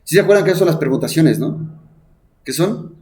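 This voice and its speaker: A man's voice: fairly high pitch, lively intonation, normal speed, warm tone. Man teaching math to a class. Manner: thinks aloud at the board, asks the class, fills with "este". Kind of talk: classroom lecture.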